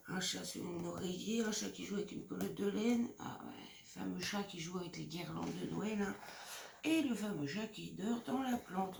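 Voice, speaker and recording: Gushing over scrapbooking paper pads in a casual vlog, a woman speaks in a mid-range, gravelly voice with a darkish tone, often saying "franchement" and "regardez-moi ça" and sometimes dropping to a whisper. She's in her home craft room, recorded from afar in an echoey, noisy space.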